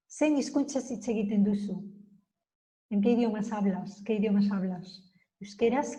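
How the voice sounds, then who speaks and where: A woman teaching a beginner Basque lesson in Spanish, slowly spelling out and repeating example phrases. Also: medium pitch, warm tone, low-quality recording. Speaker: language teacher.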